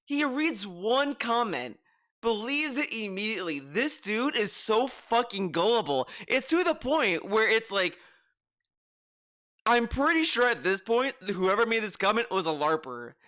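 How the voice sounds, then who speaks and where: A man's voice: high voice, sing-song, measured pace, pushed and bright. A man giving casual commentary as an exasperated, mocking, profane rant. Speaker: online commentator.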